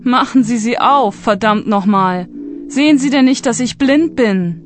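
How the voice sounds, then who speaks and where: A woman's voice: on the high side, a little slow, natural voice. A woman reader voicing a frightened, bitter blind male doctor who talks in curt, tense commands.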